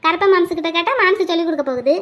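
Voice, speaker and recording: A woman's voice: very high voice, rapid-fire. A woman voicing a small, cheeky and affectionate girl in a cartoon. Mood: teasing. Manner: chirpy, teasing, pleading.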